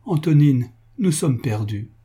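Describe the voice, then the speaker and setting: A man's voice: a little high, animated, unhurried, mellow, slightly rough, soft background music, pitched above the performer's own voice, heavily acted. Man playing a despairing young nobleman. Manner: broken, sobbing pleas.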